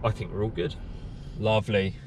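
A man's voice: fairly low pitch, expressive, moderate pace, darkish tone. Rambling man vlogging in a car. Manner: chatty, rambling, with many ums and restarts. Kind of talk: casual vlog to camera. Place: inside a parked and moving car. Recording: distant mic with clear car noise.

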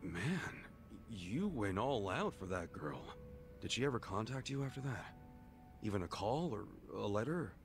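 A brash, expressive street guy. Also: on the low side, unhurried, over music. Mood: concerned, probing. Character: brash, loyal adult street guy, blunt and friendly. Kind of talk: English video game drama acting.

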